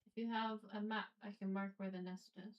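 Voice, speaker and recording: A woman taking part in a tabletop game, speaking at an ordinary pitch. She talks haltingly and earnestly, pausing often on "um". She sounds thoughtful and a little unsure. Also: little pitch movement, dull audio. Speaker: player.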